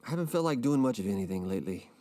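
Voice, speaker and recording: An actor playing a gloomy, self-pitying rich man who rambles in a deadpan, mopey way in a comedic audio drama. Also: lowish voice, very fast, close to an everyday voice.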